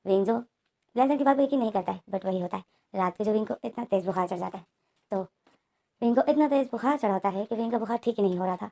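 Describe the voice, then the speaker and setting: A woman's voice: medium pitch, fast talker, vocal fry, mellow. A woman casually retelling a romance story, narrating the plot and speaking the characters' lines in her own voice. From India.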